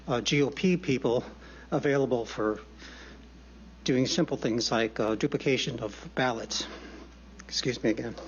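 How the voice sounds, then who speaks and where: Breathless man testifying at a hearing. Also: medium pitch. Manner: halting, many fillers and restarts. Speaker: public hearing witness. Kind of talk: public testimony. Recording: dull lo-fi hearing room audio.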